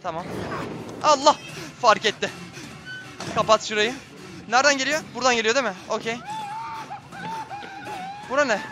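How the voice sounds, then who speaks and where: A man's voice: extremely high pitch, normal speed, long pauses, over music. A man giving tense, jumpy live commentary on a horror game, talking straight to his viewers. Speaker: gameplay streamer.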